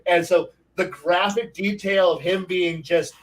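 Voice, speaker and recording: High-voiced man telling gory game tales. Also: a little slow, far from the mic, poor audio. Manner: animated, profane storytelling with vivid gory detail. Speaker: game master on a discussion panel. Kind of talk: casual panel discussion.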